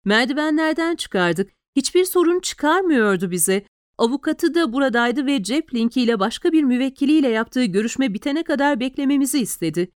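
A woman's voice: high voice, animated, normal speed, clean tone, no echo, studio quality, pitched above the performer's own voice. A woman reading an audiobook, voicing a nervous young male police officer who explains himself anxiously and deferentially to his superior.

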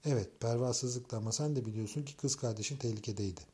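A man's voice: medium pitch, quick pace, warm tone, close to an everyday voice. A man voicing a spirited, headstrong young wife who protests and pleads in an audiobook. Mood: protesting.

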